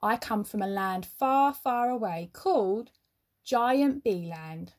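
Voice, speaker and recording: A woman's voice: on the high side, animated, slow. A woman voicing a friendly, hesitant bear who pretends to be a bee in a children's story. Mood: bashful, bluffing.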